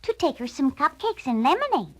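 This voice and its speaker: A woman's voice: high-pitched, very animated, brisk, pitched above the performer's own voice. A woman voicing a sweet, innocent little girl from a storybook in a wide-eyed, sing-song way. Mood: cheerful, innocent.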